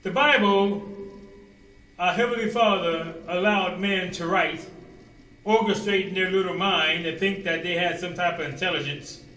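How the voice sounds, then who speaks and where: A man preaching a sermon, asking rhetorical questions and dropping suddenly to a quiet voice. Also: high voice, normal speed, distant mic. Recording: roomy echo, voice away from the mic, faint ambience.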